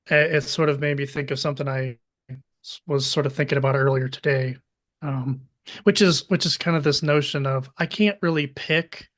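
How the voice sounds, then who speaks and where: A man with a fairly high voice talking in a relaxed conversation. He muses out loud, often stumbling and restarting his sentences. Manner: musing, loose and self-correcting. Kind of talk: casual conversation.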